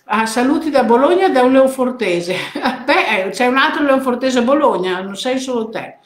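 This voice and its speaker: A woman's voice: high-pitched, animated, normal speed. Older woman, chatty live-stream host, greets viewers by name, echoey room. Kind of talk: casual live chat reading viewer comments.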